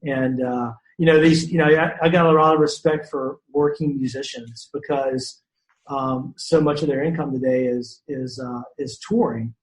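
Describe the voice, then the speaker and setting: Roomy-sounding animated storyteller man. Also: mid-range voice, normal speed. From Shreveport area, Louisiana. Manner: animated storyteller, many fillers and restarts. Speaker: podcast guest. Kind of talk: casual storytelling chat. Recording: roomy echo.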